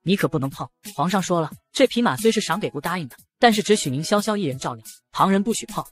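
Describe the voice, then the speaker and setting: A man's voice: sits high, expressive, fast, faint music behind. A man voicing a fussy middle-aged palace eunuch in an audio drama, with a prim, scolding manner.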